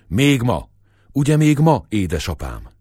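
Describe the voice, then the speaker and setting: A man's voice: medium pitch, very animated, a little mellow, breathy edge, dry recording, studio quality, pitched above the performer's own voice. A man voicing a sick, frail young peasant man who speaks weakly and pleadingly.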